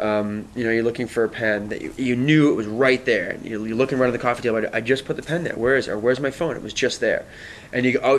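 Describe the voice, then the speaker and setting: A man telling a long personal story as a guest, halting and rambling with many fillers and restarts. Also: medium pitch, a little hiss or hum, rough recording. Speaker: interview guest. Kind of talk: casual storytelling.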